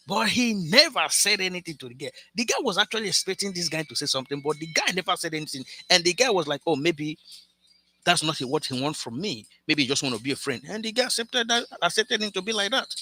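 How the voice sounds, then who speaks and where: A man with a high, very bright and sharp voice lectures his viewers through a cautionary love story. He talks earnestly and directly, stumbling into restarts and repeated words as he goes, with a faint hiss of background noise behind him. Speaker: vlogger giving relationship advice. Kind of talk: storytelling monologue to camera.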